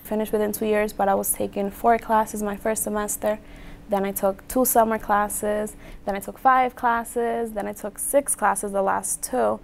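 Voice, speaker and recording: A woman's voice: mid-range voice, flat delivery, moderate pace, creaky, a little hiss or hum. Matter-of-fact woman from the Dominican Republic. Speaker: student and peer tutor. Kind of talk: interview testimonial.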